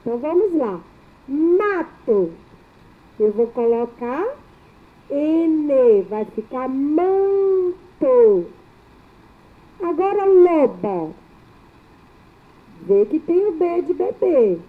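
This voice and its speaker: A woman teacher giving a children's spelling lesson, sounding out syllables slowly and clearly in a sing-song way. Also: sits high, big pitch swings. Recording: thin phone-like audio.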